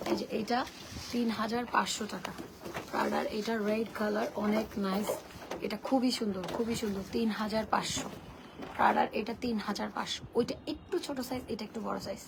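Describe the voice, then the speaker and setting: A woman with a hoarse voice, worn from shouting, chatting bluntly as she sells bags and sandals on a live stream and reads viewer comments aloud. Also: mid-range voice, fairly even intonation, normal speed. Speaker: online seller hosting a live sale. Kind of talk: casual live-stream selling. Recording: noisy live-stream audio.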